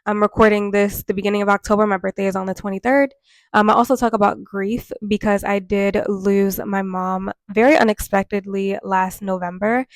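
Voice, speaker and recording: Congested and worn out from a cold, a woman in her mid-twenties vlogs straight to camera, speaking a little fast. Her talk is earnest and casual, full of fillers, with fairly flat pitch. Close-miked, dry audio with no echo.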